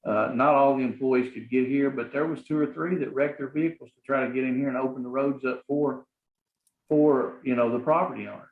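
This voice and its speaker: A man's voice: mid-range voice, steady tone, brisk. Earnest Southern man, tinny echoey sound. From Arkansas, US. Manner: earnest, rambling with many fillers. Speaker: guest, property manager. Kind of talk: casual interview talk.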